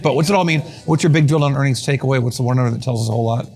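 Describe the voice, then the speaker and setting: A man hosting an earnings commentary show, talking in a brisk, conversational way with wry asides. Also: mid-range voice, a little mellow, faint music behind. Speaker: host and market strategist.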